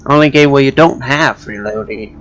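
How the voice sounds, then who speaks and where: A man's voice: mid-range voice, moderate pace, fairly bright tone. A man giving casual, off-the-cuff commentary as he plays a video game, with game music behind him. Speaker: let's play commentator.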